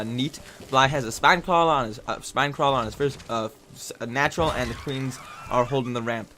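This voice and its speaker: Dude casting a game replay, rambly and chatty, lots of uhs and restarts. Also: male voice, mid-range voice, a bit bright. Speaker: video game caster. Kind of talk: casual replay commentary.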